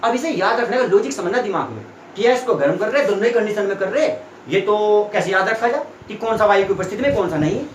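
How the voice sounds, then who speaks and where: A man's voice: sits high, animated, quick pace, slight background noise. A young man tutoring students in a classroom, explaining chemistry step by step and often checking that they follow. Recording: echoey room.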